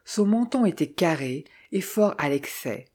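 A narrator reading a novel aloud in an even, measured way. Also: medium pitch. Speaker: audiobook narrator.

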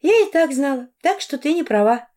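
A woman's voice: high-pitched, lively intonation, normal speed, dark tone, pitched above the performer's own voice. A woman voicing a startled young woman in an audiobook, speaking in a lifted, wondering tone. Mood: earnest.

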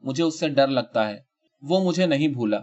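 A man's voice: mid-range voice, animated, darkish tone, lightly acted. A man lending his voice to a frightened woman who trembles and pleads through tears in an audio short story. The voice sits in an ordinary middle register and is captured on a dull, lo-fi recording. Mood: fearful.

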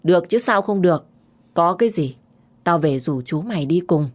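Woman voicing a blunt rough-spoken country aunt. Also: on the low side, expressive, moderate pace, a little mellow. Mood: reassuring. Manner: coarse familiar speech.

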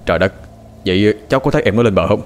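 A man's voice: lowish voice, lively intonation, racing, natural voice. A man voicing a kind, worried family friend who speaks steadily and with concern.

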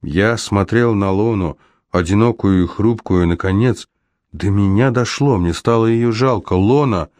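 A man narrating a first-person novel in a measured, even storytelling delivery. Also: on the low side, no echo. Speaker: audiobook narrator. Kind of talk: first-person fiction reading.

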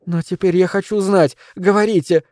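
Man doing a gentle young woman, anxious and pleading, higher voice, warm, dry sound. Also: fairly even intonation, normal speed, no echo, lightly acted. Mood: tender, anxious. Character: tender earnest young woman, worried.

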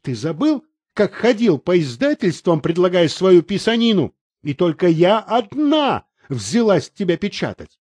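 A man's voice: high-pitched, very animated, a little mellow, dry recording. A man voicing a scornful woman publisher. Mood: furious. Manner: scornful, cutting, quick to anger. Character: haughty middle-aged woman publisher, sharp-tongued. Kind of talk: audiobook character reading.

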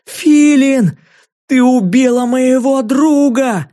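A man doing a fierce shouting young girl. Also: very high-pitched, slow, pitched above the performer's own voice. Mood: anguished. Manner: shouting, defiant.

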